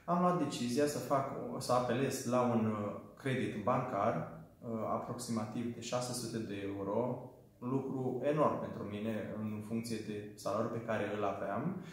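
A man in his twenties from Romania, telling his story as a small business owner in an earnest, hesitant way with frequent fillers. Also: medium pitch. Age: 20s. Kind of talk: testimonial for a training video. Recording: very echoey room.

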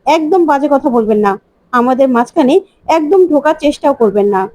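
A woman's voice: sits high, lively intonation, normal speed, mellow, no room sound. A woman reading a stern, irritated young husband. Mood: angry. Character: man insisting he is someone else.

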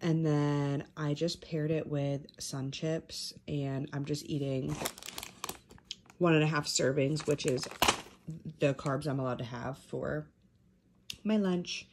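Her low voice is fairly even and a little mellow; she takes it slowly and pauses often. She's an American vlogger in her twenties, casually talking to viewers on a handheld camera in her home's kitchen and living room, with clear household noise behind her.

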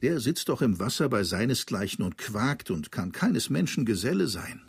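A male narrator telling an old fairy tale with a lively, wide-ranging voice. His tone is slightly husky and the sound is close and dry, with measured, expressive pacing. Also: medium pitch, no room sound.

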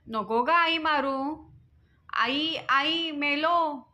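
A woman's voice: a little high, slow, pushed and bright. Woman doing a frightened wailing little boy. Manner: wailing, pleading. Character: frightened crying young boy.

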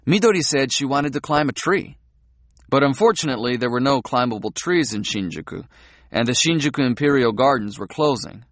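Man narrating an audiobook, lively pitch. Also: no echo, studio quality. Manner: calm, measured first-person storytelling.

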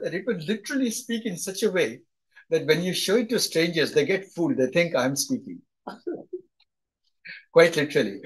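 Teaching a live online lecture by video call, this middle-aged man with a thick Indian accent keeps things chatty and conversational, regularly adding "right?". He sounds on the high side with a breathy edge, and the recording is rough.

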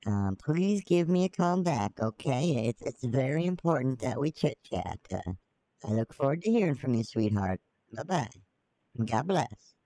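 A rambling old lady, put on by a man, leaves a voicemail, full of ums, endearments and blessings. Her voice is mellow and dark, in a dry, close sound with no room around it. She sounds fond and a little scattered. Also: mid-range voice, big pitch swings, normal speed, no echo. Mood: sweet. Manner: doting, hesitant, calls listener sweetheart. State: leaving a voicemail. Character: sweet rambling old woman caller.

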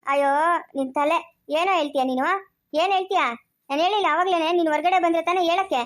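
A woman's voice: extremely high pitch, racing. A woman playing a stern young policewoman who questions and orders an arrested man. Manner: commanding.

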